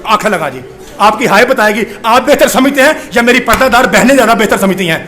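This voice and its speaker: A man's voice: high-pitched, bright, forceful tone. A man preaching a mourning sermon to a congregation, impassioned and rising into wailing lament. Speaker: Shia majlis orator. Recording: echoey hall with crowd. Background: crowd weeping.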